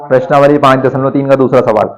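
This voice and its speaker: A man's voice: medium pitch, fairly even intonation, fast, highs cut off. Male maths teacher, talking in a classroom, teasing and counting out sums aloud. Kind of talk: classroom lecture.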